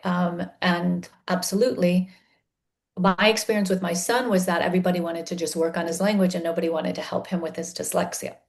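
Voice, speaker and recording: A middle-aged woman, a dyslexia facilitator, explains her method on a video call, pausing often with ums and restarts. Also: fairly low pitch, fairly even intonation, gravelly. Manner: hesitant, many ums and restarts.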